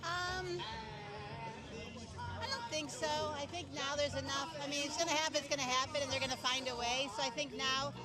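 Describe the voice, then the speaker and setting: Female passerby, high and quick, loud crowd and music behind. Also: steady tone. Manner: opinionated, matter-of-fact. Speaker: interviewee. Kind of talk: casual street interview. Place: outdoor street festival.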